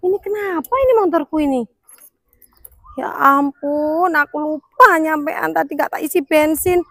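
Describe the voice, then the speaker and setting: High-voiced housewife moaning to herself, a woman acting it, dry close sound. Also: normal speed, a bit bright, no room sound. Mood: fretful. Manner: fretting, complaining to herself. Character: fretful middle-aged wife, self-pitying and complaining. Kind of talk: comedy skit acting.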